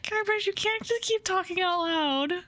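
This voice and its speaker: A woman's voice: very high voice, moderate pace, pushed and bright, no echo. A woman giving casual, playful, giggly commentary while livestreaming a game. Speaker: game streamer.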